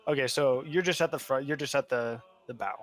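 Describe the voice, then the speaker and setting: A man's voice: mid-range voice, fairly quick, soft background music. Informal, direct man running a game. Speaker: game master. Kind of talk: narrating a tabletop game, casual.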